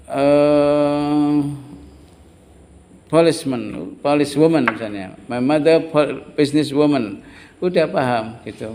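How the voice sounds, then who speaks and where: A male teacher giving an English lesson to a class, patiently repeating phrases slowly for learners. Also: fairly high pitch, a little mellow, long reverb tail.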